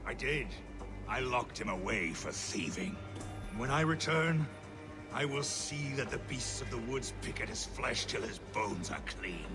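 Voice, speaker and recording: An actor playing a cruel, proud and fanatical Viking warlord in a video game, speaking in an imperious, declamatory way. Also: male voice, medium pitch, animated, unhurried, music in the background, lightly acted. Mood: cold menace. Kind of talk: dramatic video game acting.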